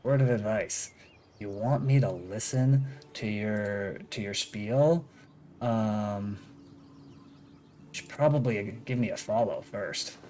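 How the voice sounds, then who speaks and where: A slow, dark-toned male voice on the low side gives casual, meandering commentary while streaming a game. There's some slight hiss or hum, and video game music plays underneath.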